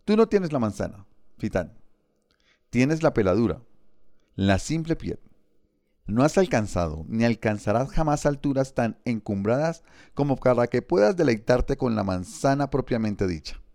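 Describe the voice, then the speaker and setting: A man's voice: medium pitch, big pitch swings, normal speed, creaky, darkish tone, dry recording, studio quality. A man reading a storybook, voicing a stern, sarcastic male schoolteacher with a lofty, mocking manner.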